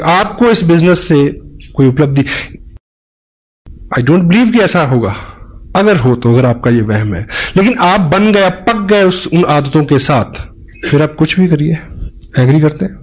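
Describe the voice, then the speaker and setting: A man giving a motivational speech to a live audience, emphatic, mixing in English phrases and slowing down on key words. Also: on the high side. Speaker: motivational speaker at a business seminar.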